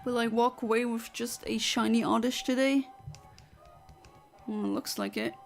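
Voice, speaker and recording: Woman, higher voice, unhurried, chatty gaming streamer, faint music behind. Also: steady tone, creaky. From southern Luxembourg. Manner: chatty, rambling, reads out and answers chat. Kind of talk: casual livestream gaming chat.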